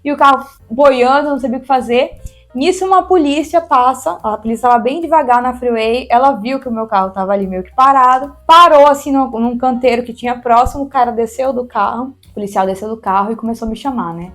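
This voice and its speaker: A woman's voice: on the high side, quick pace, soft background music. A young Brazilian woman with a Brazilian Portuguese accent, chatting animatedly as an interview guest and telling a story to her viewers. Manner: animated, chatty, addresses listeners as "gente". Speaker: YouTuber guest.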